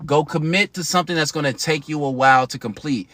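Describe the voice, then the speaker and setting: A man in his thirties talks straight to his livestream viewers in a loose, slangy, emphatic way. His voice sits a little high and has a bright edge. The sound is dry and close, with no room around it. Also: fast talker, no echo. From United States. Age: 30s. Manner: slangy, emphatic, chatty with laughs. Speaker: livestream host. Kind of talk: casual livestream talk to viewers.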